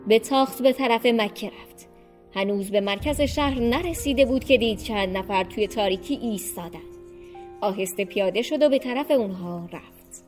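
A woman reading a story aloud in a plain, even storytelling voice. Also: medium pitch, soft background music. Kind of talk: scripted narration of a children's story.

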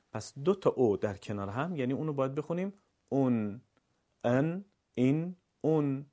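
A man's voice: medium pitch, darkish tone. Male teacher, mid-range voice, patient step-by-step reading lesson with stretched-out recited examples. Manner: slow drawn-out recitation of example words. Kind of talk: recorded lesson.

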